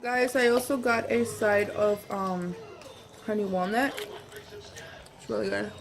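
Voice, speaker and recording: A woman's voice: medium pitch, fairly even intonation, a little slow, creaky, over music. A woman vlogger talking casually to her viewers while eating. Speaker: vlogger and mother.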